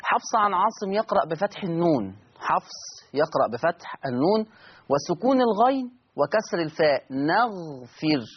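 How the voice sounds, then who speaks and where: A man with an Egyptian accent hosting a recitation lesson, explaining patiently and slowing down to intone the example words. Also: high voice, very animated, slightly rough, dull audio. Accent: Egyptian Arabic. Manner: explanatory, repeats key phrases, slows to intone example words. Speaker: Quran recitation teacher and host. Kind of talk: recorded online lesson.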